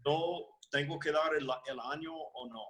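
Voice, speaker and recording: A man from the United States, a missionary pastor, answering interview questions hesitantly with drawn-out fillers and self-deprecating humor. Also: on the high side, fairly even intonation, a bit bright, poor audio.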